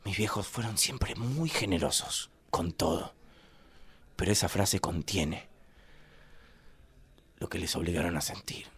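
A man's voice: deep voice, slightly rough. A man with an Argentine accent telling a comic family story, playfully acting out his relatives. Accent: Argentine Spanish. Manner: animated, playful, acts out family members.

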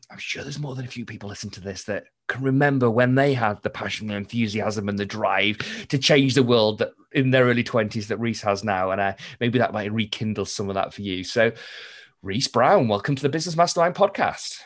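A man's voice: fairly low pitch, brisk. A man hosting a podcast, speaking emphatically and building his points with repetition as he introduces and questions. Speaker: podcast host.

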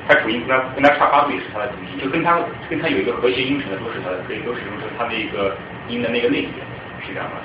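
A man's voice: mid-range voice, expressive, rapid-fire, background noise. A man hosting a discussion, eagerly asking questions and thinking aloud about music. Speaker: host. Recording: far from mic in very echoey room, dull lo-fi, music behind.

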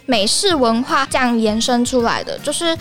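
A woman's voice: fairly high pitch, expressive, normal speed, fairly bright tone, faint music behind. A woman with a Taiwanese Mandarin accent hosting a casual language lesson on slang in a chatty, playful way. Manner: chatty, playful, acts out short examples. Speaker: podcast host and Japanese teacher.

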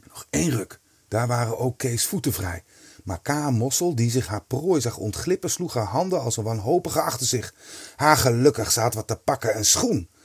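Man reading a kids story out loud, lively, mid pitch, dry close sound. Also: normal speed, slightly rough, dry recording. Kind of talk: storybook narration.

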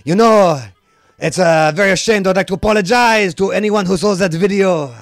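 A man puts on a boozy French retired footballer, pompous and rambling, with a hammy French accent. The voice sits high with a gravelly edge, close and dry. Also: moderate pace, no room sound. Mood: pompous drunk. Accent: put-on French. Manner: pompous, tipsy, rambling, bursts of shouting. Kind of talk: comedic podcast bit.

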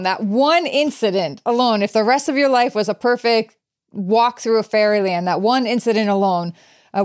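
A woman's voice: mid-range voice, a little mellow, clean tone. A woman hosting an interview, probing and recapping her guest's story, often restarting her sentences. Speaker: podcast host. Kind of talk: interview questions.

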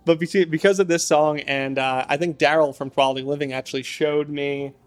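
Rambling enthusiastic man, somewhat high voice. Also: fairly even intonation, fairly quick. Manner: rambling, enthusiastic, lots of fillers. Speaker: guest singer. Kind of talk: casual interview chat. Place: apartment.

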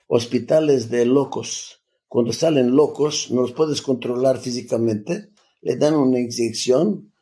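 Older man telling his story, halting. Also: mid-range voice, mellow. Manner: halting, restarts often, salty slang. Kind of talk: personal storytelling, casual.

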